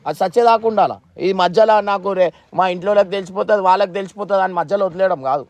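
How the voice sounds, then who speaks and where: A man's voice: high-pitched, darkish tone, faint music behind. A man, firmly lecturing and advising in a family drama skit. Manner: firm, lecturing, fast-talking. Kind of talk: scripted family drama acting.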